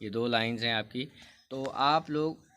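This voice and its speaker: A man teaching a grammar lesson in with a flavour, reading English rules aloud slowly and explaining them with many fillers. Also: mid-range voice, bright, forceful tone, a little hiss or hum.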